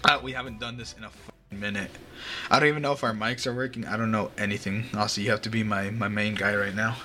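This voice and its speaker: A young adult man hosts a casual podcast from a home room with a fan running, recorded on a home mic over a voice call. His voice is on the low side, fairly even and sharp-toned, and he talks fast, rambling loosely, laughing often and swearing now and then.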